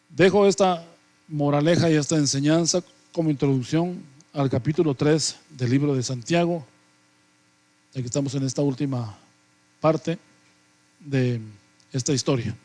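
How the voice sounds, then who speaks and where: A man's voice: fairly high pitch, darkish tone, dry recording. Man telling a Bible-study parable. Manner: unhurried, with hesitations. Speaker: Bible teacher.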